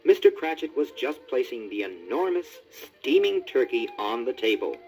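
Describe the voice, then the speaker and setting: A man narrating a children's storybook record, with expressive, scripted delivery. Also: mid-range voice, normal speed, faint music behind, low-quality recording. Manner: animated, expressive.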